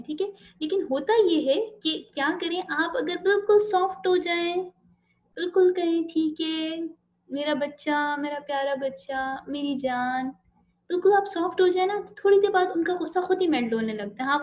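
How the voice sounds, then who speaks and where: Pakistani woman teaching a religious class, high voice, kinda dull lo-fi sound, keeps checking in with the audience. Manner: gentle, engaging, asks the audience questions. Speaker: Islamic lecturer. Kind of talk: live Islamic talk.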